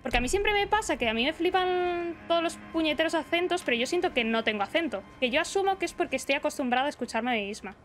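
Chatty young woman streamer, high voice. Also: expressive, fast talker, a bit bright. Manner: chatty, reads chat aloud, rambling. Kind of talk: casual chat while gaming.

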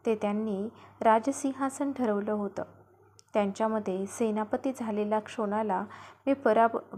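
Woman reading an audiobook, kinda high voice, calm steady storyteller pace. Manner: steady storytelling delivery, first-person narration. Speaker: audiobook narrator.

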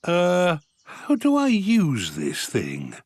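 A man's voice: high voice, huge pitch swings, extremely slow, no echo, clean studio sound, full character voice. A man voicing a jolly, bumbling father pig in a cartoon.

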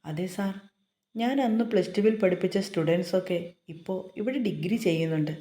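A woman's voice: on the low side, brisk, warm tone, natural voice. Woman doing a curt, scolding young husband. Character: short-tempered young man, curt husband. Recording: roomy echo.

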